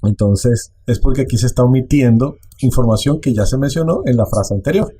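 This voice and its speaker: A man teaching a language online, explaining slowly and repeating phrases. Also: medium pitch, lively intonation, mellow, breathy edge.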